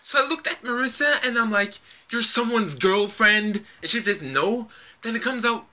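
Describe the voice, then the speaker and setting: A man's voice: high-pitched, normal speed, sharp tone. A young man from Norway with a Norwegian accent performs a stage monologue as a panicky young man, stammering and repeating words as he confesses in a rush. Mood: frantic. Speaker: acting student. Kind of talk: theatre monologue audition.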